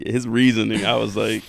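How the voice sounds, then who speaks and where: A man's voice: on the low side, creaky, fairly bright tone. A man co-hosting a podcast, telling a loose, profane story in casual chat and laughing often. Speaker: podcast co-host.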